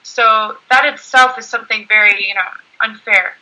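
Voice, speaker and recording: A woman speaking earnestly in an online panel discussion, often pausing on "you know". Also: on the high side, fairly even intonation, sharp tone, rough recording. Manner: earnest, heavy use of "you know" fillers.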